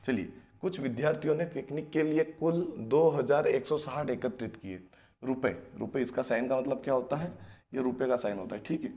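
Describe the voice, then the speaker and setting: A man's voice: medium pitch, a little fast, warm tone. A man teaching a math lesson to children, explaining step by step and answering his own questions. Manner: explains step by step, often asks and answers himself; addresses students as children, repeats key phrases.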